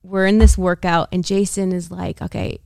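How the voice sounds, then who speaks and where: An American woman co-hosting a podcast, telling a story in an animated, casual way with frequent laughter and acted-out quotes. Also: fairly low pitch, moderate pace, vocal fry, no room sound, clean studio sound. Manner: animated, laughs often, acts out quoted dialogue. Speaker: podcast co-host.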